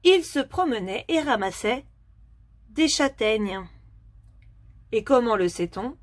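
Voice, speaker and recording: A woman leads a phonics lesson for small children, speaking very slowly and carefully. Her voice sits slightly high, and each word is articulated with patient clarity. The sound is dry and close, with no room echo. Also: lively intonation. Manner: slow, clearly articulated, patient questioning. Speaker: teacher.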